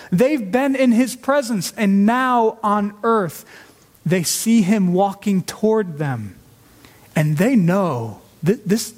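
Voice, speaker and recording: High-voiced man preaching in a hall. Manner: earnest, emphatic preaching with rhetorical questions. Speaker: pastor. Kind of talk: sermon.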